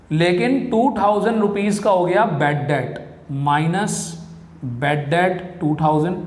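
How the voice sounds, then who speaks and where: A commerce teacher gives a classroom lecture, explaining things step by step, addressing his students as "beta" and asking them questions. His voice is a little high and a little mellow. The echoey classroom gives the audio a long reverb.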